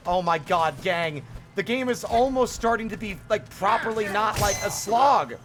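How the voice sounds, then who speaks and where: A man's voice: sits high, normal speed. A man streaming a video game, chatting loosely and swearing freely as he plays. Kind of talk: casual live gameplay commentary. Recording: game music behind.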